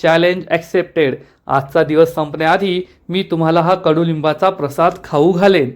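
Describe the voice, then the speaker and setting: Man doing a spirited young office woman, teasing, confident, raised pitch. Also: steady tone, moderate pace, lightly acted.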